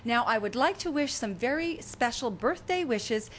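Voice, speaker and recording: A woman's voice: a little high, animated, normal speed, a bit bright, a little hiss or hum. A Canadian woman co-hosting a talk show, bubbly and laughing often. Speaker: co-host.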